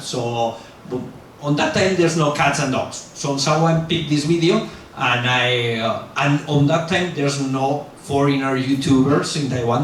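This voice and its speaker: A middle-aged man with a mid-range, fairly bright voice, not a native English speaker, appears as a guest speaker giving a casual university lecture with Q&A. The talk is rambling and loose, thick with fillers and self-corrections, delivered bluntly and with self-mockery. Captured in a large, very echoey hall by a distant mic, with faint hiss.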